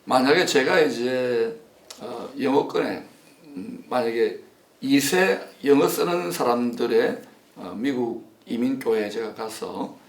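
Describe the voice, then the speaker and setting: Korean pastor guy from south korea preaching and hosting, creaky voice, emphatic, echoey room. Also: medium pitch, expressive, slow pace. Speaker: pastor and host. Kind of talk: sermon turning into interview. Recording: roomy echo.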